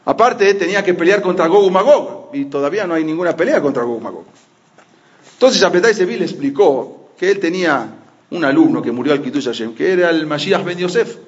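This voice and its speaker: A man teaching a religious history lesson as an animated story, sometimes slipping into the voices of the people he quotes. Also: a little high, brisk. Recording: muffled lo-fi audio.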